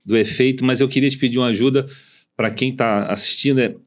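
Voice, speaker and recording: A man hosting an interview, asking questions in a halting way, with frequent restarts. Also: mid-range voice, fairly even intonation. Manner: halting, restarts, soft backchannels. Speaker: podcast host.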